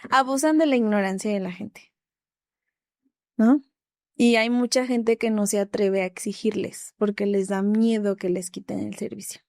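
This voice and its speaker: A woman's voice: medium pitch, fairly even intonation, unhurried, long pauses, a little mellow, no room sound, clean studio sound. A young Mexican woman retelling a hard episode, acting out the dialogue and laughing between lines. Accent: Mexican Spanish. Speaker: interview guest. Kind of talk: candid storytelling.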